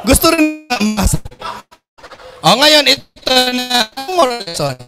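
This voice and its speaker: A high-voiced man tells a comic story to a live audience and acts out each part with animation. His voice rings through an event hall with long reverb. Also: bright, forceful tone. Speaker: training director.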